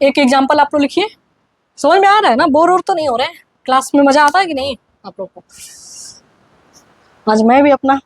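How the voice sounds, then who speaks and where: Young woman, high bright voice, chatty grammar teacher who spells out examples slowly; dry close sound. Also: no room sound, rough recording. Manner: chatty, keeps checking that students follow; slows down to dictate example sentences word by word. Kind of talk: casual online grammar lesson.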